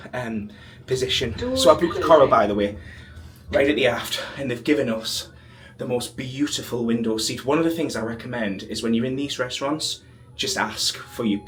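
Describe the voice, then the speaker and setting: A young man chatting casually in a travel vlog on board a cruise ship, self-deprecating and laughing often. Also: mid-range voice. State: out of breath at times. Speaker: cruise vlogger. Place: aboard a cruise ship, outdoor deck and corridors.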